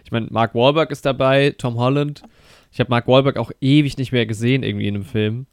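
A relaxed man rambles through a podcast film review, full of fillers, self-corrections and excited slang. His voice sits at an ordinary middle pitch. The recording is dry and close, with no room sound. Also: quick pace, no room sound. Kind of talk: casual film review chat.

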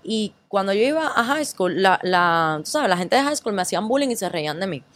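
Female interview guest, Cuban accent, animated storyteller who slips into Spanglish. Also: mid-range voice, fairly quick. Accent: Cuban Spanish. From Cuba. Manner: lively storyteller, mixes English words into Spanish. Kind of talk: casual interview chat.

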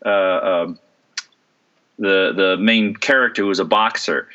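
A middle-aged man who works as a voice and stage actor talks through a relaxed interview thoughtfully, with many fillers and restarts. His deep voice has fairly even intonation and a measured pace, sounding pushed and bright, with the highs cut off.

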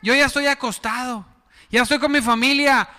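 A man's voice: extremely high pitch, steady tone, sharp tone, heavily acted. A preacher doing a grumpy man stuck in bed. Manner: slow, drawn-out refusals. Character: grumpy sleepy man refusing from his bed. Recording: echoey hall.

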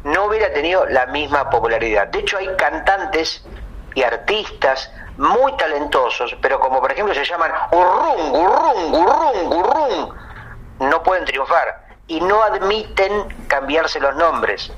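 An Argentine man with a Rioplatense accent, co-hosting a podcast with playful, drawn-out comic riffs. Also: on the high side, animated, sharp tone, low-quality recording. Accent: Rioplatense Spanish. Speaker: podcast co-host. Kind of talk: comedic podcast banter.

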